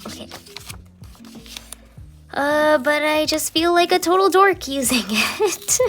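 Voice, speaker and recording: This journaling vlogger, a young woman, talks casually as she writes, meandering with plenty of fillers and occasionally sinking to a gentle half-whisper, still a touch phlegmy from a cold. Her high voice has lively intonation, she takes her time, and faint music plays behind her.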